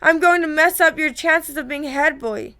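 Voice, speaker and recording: A hot-tempered, sarcastic teenage schoolboy, read by a woman in a high, bright voice. He snaps back in a storybook reading. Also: normal speed. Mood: heated. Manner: sarcastic, hotheaded.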